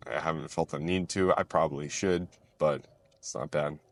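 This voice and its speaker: A man's voice: rumbling low, steady tone, normal speed. A man chatting loosely in a casual vlog while driving, rambling with lots of fillers. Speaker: vlogger. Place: in a car, driving.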